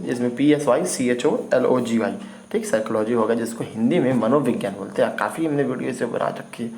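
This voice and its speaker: A man's voice: medium pitch, warm tone, slight background noise, rough recording. A man teaching English vocabulary in an informal video lesson. He spells words out letter by letter and keeps checking in with his students.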